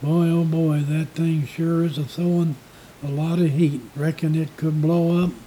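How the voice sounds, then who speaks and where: A man's voice: a little high, level tone, measured pace, mellow, slight background noise, close to an everyday voice, low-quality recording. A man voicing a curious, folksy townsman of the old days. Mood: wondering. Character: wary male townsman, curious.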